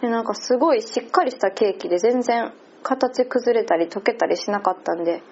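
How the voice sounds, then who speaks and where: A woman's voice: on the high side, brisk, darkish tone, slightly rough. A woman with a Kansai accent chatting casually and laughing often as she recaps an event. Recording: slightly muffled lo-fi audio.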